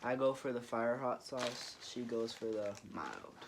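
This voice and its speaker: A man's voice: medium pitch, expressive, measured pace, creaky, very noisy. A young man, a new father, with a congested, froggy throat, chatting easily and rambling through a story in a vlog. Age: young adult. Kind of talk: casual chat over a mukbang.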